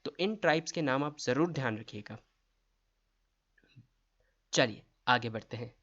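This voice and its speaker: A man's voice: mid-range voice, expressive, measured pace, fairly bright tone, muffled recording. A man running an exam-prep quiz lesson, reading each question and its options aloud before explaining the answer. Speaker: quiz tutor.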